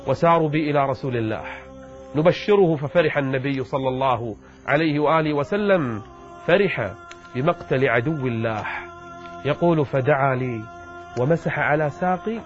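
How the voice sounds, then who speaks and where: A man preaching as a dramatic storyteller, his voice rising in quoted speech. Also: medium pitch. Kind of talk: sermon retelling a story from the Prophet's life. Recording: dull lo-fi recording.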